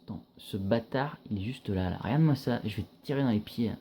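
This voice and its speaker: A young man giving casual, chatty commentary while playing a video game, reacting loudly and swearing often. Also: on the low side, a little fast, slightly rough.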